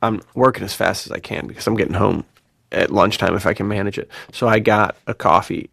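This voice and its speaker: A man with a fairly low, creaky voice chats casually and fairly quickly, like a podcast host among friends, recorded close and dry without echo. He tells personal anecdotes in loose slang, acting out bits of dialogue with animation and frequent laughter.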